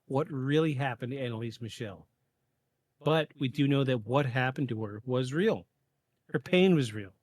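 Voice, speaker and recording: A man hosting a podcast, reading a prepared script in a measured way, with occasional stumbles and quick asides. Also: medium pitch, darkish tone, no room sound, studio quality. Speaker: podcast host. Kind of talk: scripted narration of a paranormal case.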